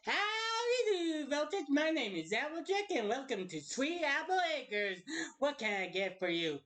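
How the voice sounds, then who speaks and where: A woman's voice: high-pitched, very animated, normal speed, fairly bright tone, pitched above the performer's own voice. A woman voicing a cheerful country pony mare farmer in a put-on Southern drawl, in an amateur voice acting take. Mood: welcoming.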